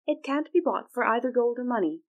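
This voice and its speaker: A woman's voice: on the high side, expressive, a little fast, phone-quality sound, voice pushed up. A woman voicing a brave, determined young girl who speaks steadily and earnestly in a fairy-tale reading.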